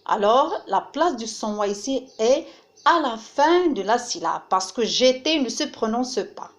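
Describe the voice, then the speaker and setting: Slow, clear-speaking woman teacher. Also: on the high side, lively intonation. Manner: slow, clearly articulated, pointing things out. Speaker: primary school teacher. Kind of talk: recorded phonics lesson for children.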